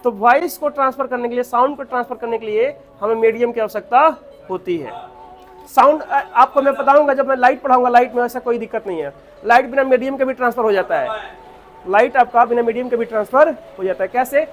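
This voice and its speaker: A man teaching a physics class. He asks the students questions and answers them himself, and dictates notes slowly with many repetitions. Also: very high-pitched, soft background music.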